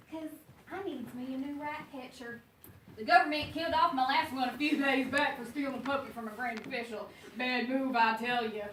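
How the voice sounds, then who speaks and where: A gruff, bargaining street vendor man, all folksy dialect and hard sell, her voice sitting high and bright. It sounds like a live stage play caught from far back in an echoey hall, with noise underneath. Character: scrappy adult male street food vendor, streetwise. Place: theater stage. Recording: echoey, distant, noisy stage recording.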